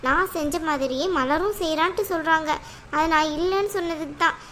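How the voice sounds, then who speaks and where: A woman voicing an upset, sharp-tongued young wife in a cartoon. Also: very high voice, fairly quick, slight background noise. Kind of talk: cartoon voice acting.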